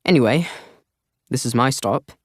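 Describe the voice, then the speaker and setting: A man's voice: mid-range voice, normal speed, no echo, studio quality, close to an everyday voice. A man voicing a chatty older man with a slight accent, talking in a rambling, earnest way in an audiobook. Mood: friendly. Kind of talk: audiobook character voice.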